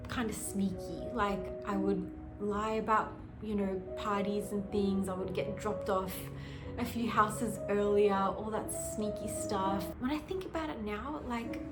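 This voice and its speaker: A young woman from Australia, telling her life story to camera in a casual, earnest way, full of "like" fillers. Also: medium pitch. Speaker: vlogger. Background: music.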